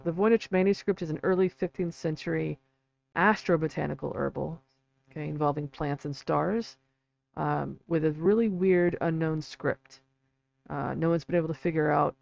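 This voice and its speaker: A man with vocal fry giving a casual, halting livestream explanation, often checking in with a quick "right?" or "okay". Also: on the high side, darkish tone. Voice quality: vocal fry from an old vocal cord injury. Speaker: livestream host and researcher. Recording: dull lo-fi mic with faint hum.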